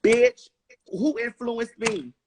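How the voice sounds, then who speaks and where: A woman's voice: on the high side, wildly swooping pitch, takes it slowly, vocal fry, a little mellow, a little hiss or hum. A woman in her forties giving an interview in a blunt, emphatic, profane way. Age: 40s. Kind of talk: casual interview chat.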